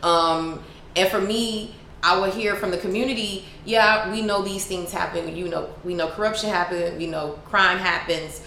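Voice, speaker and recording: A woman from Miami with a Miami accent, talking fast and informally as a journalist being interviewed. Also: lowish voice. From Miami, United States. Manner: fast, animated, informal speech. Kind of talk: casual interview chat. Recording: roomy echo with faint background noise.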